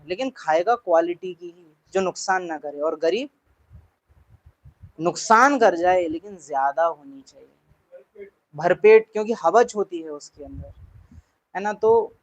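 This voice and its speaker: Earnestly teaching a class, this spiritual teacher keeps returning to key points for emphasis and puts questions to the audience. The voice is medium-pitched, and the recording quality is poor.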